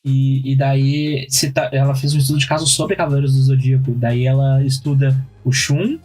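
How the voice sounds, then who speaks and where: A man's voice: medium pitch, little pitch movement, normal speed, poor audio. A young adult man, telling stories and reasoning aloud on a casual podcast. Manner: storytelling, reasoning out loud. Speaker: podcast co-host. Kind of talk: casual chat.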